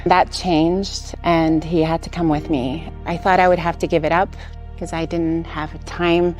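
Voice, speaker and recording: A woman's voice: low-pitched, level tone, a little slow, a little mellow. A woman in her forties, originally from Hungary, speaking frankly in a gym-member testimonial. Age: 40s. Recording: music underneath.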